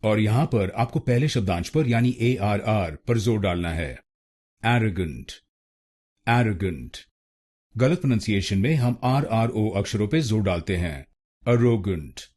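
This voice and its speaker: A man with an Indian accent giving a slow, deliberate pronunciation lesson, repeating each syllable. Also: on the low side, expressive, darkish tone. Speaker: pronunciation teacher.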